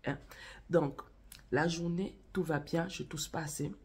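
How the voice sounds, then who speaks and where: Unhurried and fairly even in intonation, her low, slightly mellow voice carries a breathy edge as she hosts a casual vlog about faith and marriage. Suffering from a cold and a cough, she speaks straight to viewers while telling a story.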